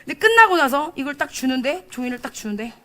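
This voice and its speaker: A young adult woman pastor preaching a sermon, telling stories with animated quoted speech and frequent laughter. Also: high voice, fast talker. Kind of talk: sermon with storytelling. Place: church service.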